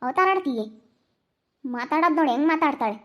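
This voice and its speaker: A woman plays a sharp-tongued village mother, scolding in rapid, shrill rural Chitradurga Kannada. Her voice is very high-pitched and animated, and the recording sounds muffled.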